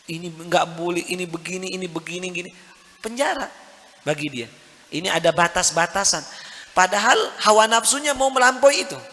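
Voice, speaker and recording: A man preaching a mosque sermon, emphatic, with sudden high rises and rhetorical questions to the crowd. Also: expressive, a little fast, pushed and bright, in a large hall. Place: mosque hall.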